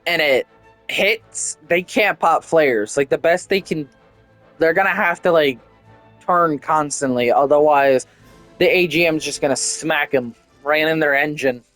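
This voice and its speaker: A man's voice: on the high side, measured pace, fairly bright tone, dry recording, soft background music. A young man casually commenting while playing a flight game, rambling and chatty with frequent restarts. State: hiccups. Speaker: gameplay streamer.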